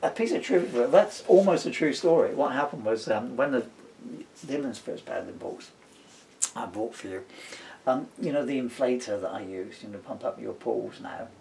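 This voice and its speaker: Animated yet a little mellow, with some creak, this medium-pitched middle-aged British man talks at a moderate pace against slight background noise. He's a father, author and stage performer who chats casually and reads his comic writing, digressing playfully, on a camera mic.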